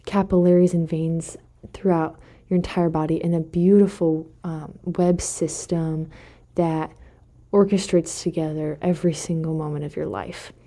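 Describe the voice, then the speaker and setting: Woman doing a chill faith podcast, kinda low mellow voice, thinks out loud n fixes her own slips. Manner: thinking aloud, with self-corrections. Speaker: devotional podcast host. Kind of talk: casual faith reflection talk.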